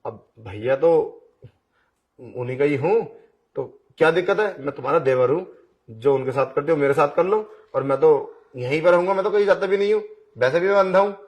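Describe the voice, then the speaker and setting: A man's voice: fairly high pitch, brisk, a little mellow, natural voice. A man voicing a pushy blind young man in an audio drama, coaxing and insistent in his talk. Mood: wheedling. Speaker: voice actor. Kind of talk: Hindi audio drama acting.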